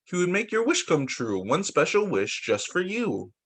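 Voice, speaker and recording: A husky young man, a preschool teacher, reads picture books aloud to young children at story time, his voice high and his speed normal. He uses a sing-song, expressive storybook style full of rhymes. The audio comes through a video call.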